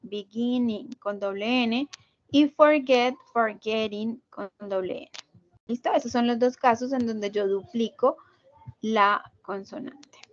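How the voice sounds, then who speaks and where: A woman leads an online English class, walking her students patiently through each rule and checking that they follow. Her voice sits a little high. The video call audio is dull and lo-fi. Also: slow, dry recording. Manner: patient, explains step by step, checks in with "¿listo?". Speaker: English teacher.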